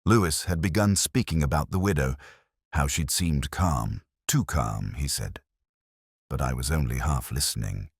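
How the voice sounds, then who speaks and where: An actor playing a melancholy, reflective police inspector, narrating his case in a measured, literary, brooding manner. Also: rumbling low, breathy edge, no echo, clean studio sound, exaggerated voice. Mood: wistful, reflective. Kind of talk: scripted first-person detective narration.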